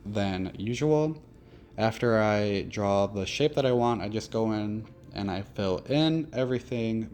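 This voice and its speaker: A man's voice: on the low side, a little hiss or hum. A man with a lisp and slushy s sounds, giving a casual, conversational step-by-step makeup tutorial as a drag performer.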